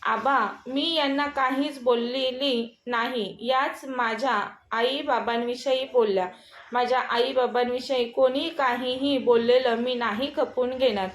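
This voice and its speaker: A woman's voice: sits high, steady tone, unhurried. A woman voicing a proud, defiant young wife who speaks angrily, recorded in an echoey room. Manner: angry, defiant.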